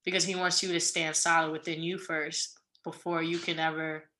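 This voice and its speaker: A woman's voice: deep voice, little pitch movement, moderate pace, sharp tone, rough recording. A woman, co-hosting a podcast and giving earnest, rambling, motivational talk. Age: 20s. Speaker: podcast co-host. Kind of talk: casual chat.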